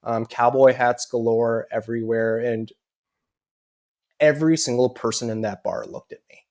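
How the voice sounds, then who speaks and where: An American man, an adult with children, speaks as a podcast guest, earnestly sharing a personal story peppered with "you know." His medium-pitched voice is a little mellow, with fairly even intonation and a normal pace.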